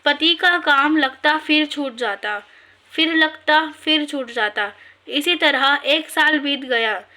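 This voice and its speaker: A woman reading a story aloud in a measured, scripted narration. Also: high-pitched, pushed and bright.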